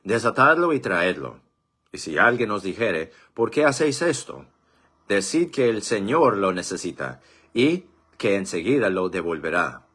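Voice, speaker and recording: A man voicing a calm male teacher who speaks in measured, solemn phrases. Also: lowish voice, breathy edge, full character voice.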